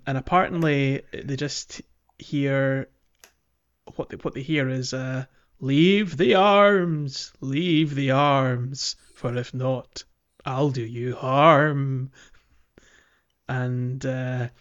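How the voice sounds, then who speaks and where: This podcast host has a mid-range, somewhat bright voice with a clean tone, and he's casually going over a video game. His explanations come out hesitant and giggly. Music runs beneath the slightly dull recording.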